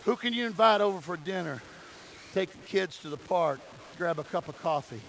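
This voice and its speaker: Male pastor, high forceful voice, exhortative sermon delivery with repeated phrases, live church recording with background noise. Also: expressive, moderate pace, vocal fry, low-quality recording. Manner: exhortative, repeats key phrases, prompts congregation for amens; swings from quiet talk to loud emphatic cries. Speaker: pastor preaching to a congregation. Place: church sanctuary during a service.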